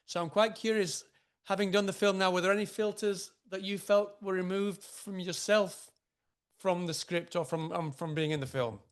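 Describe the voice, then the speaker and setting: A man's voice: sits high, fairly even intonation, moderate pace. A man interviewing a film actor, asking long, hedging questions full of fillers and restarts.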